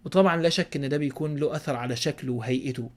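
A man preaching in casual Egyptian Arabic who gives folksy advice and checks in with his listeners, now and then dropping to a hushed voice. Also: on the high side, very fast. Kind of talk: casual religious advice talk.

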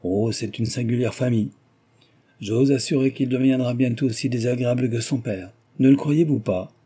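A man's voice: mid-range voice, normal speed, mellow, breathy edge, natural voice. A man reading aloud, voicing a frivolous, gossiping young aristocratic lady who talks flippantly and teases. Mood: flippant chatter. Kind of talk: audiobook character reading.

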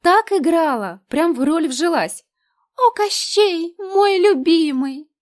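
A woman reading an audiobook who voices a bubbly, lovestruck young woman, pitched high and gushing. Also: animated, slow, exaggerated voice. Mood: giggly. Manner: gushing, high and breathy when swooning.

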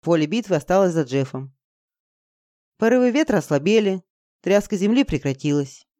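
A reader narrating a fantasy audiobook in an even, dramatic storytelling manner. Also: medium pitch, moderate pace, no echo, studio quality.

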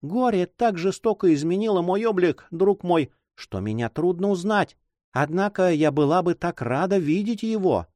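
A man's voice: high voice, animated, moderate pace, darkish tone, dry recording, voice pushed up. A man reading aloud, voicing a grieving noble lady who speaks in sighs and tears. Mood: sorrowful. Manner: sighing, tearful delivery.

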